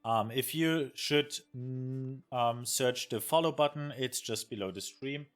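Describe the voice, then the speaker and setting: A man's voice: medium pitch, a little slow. A young man with a German accent commentating a strategy game match as a caster, enthusiastic and sometimes searching for words. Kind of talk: esports commentary. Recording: faint game music behind.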